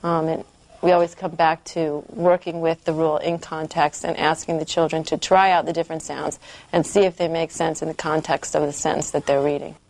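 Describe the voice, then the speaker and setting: A woman's voice: low voice, little pitch movement, brisk, darkish tone. A woman teaching a small group of children to read in a classroom, patiently asking questions and checking they follow. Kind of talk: classroom phonics lesson.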